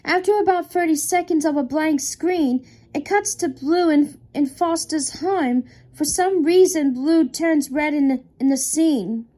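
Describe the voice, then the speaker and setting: A woman narrating a horror story in a halting way, with frequent restarts. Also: sits high, mellow. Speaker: creepypasta narrator. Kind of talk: unscripted horror story reading.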